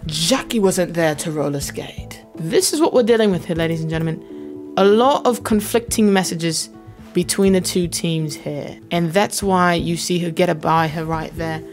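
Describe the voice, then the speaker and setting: A woman's voice: lowish voice, normal speed, darkish tone, faint music behind. A woman hosting her own channel, giving playful, joking commentary over basketball footage and slipping into mock slang. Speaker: host analyzing basketball footage.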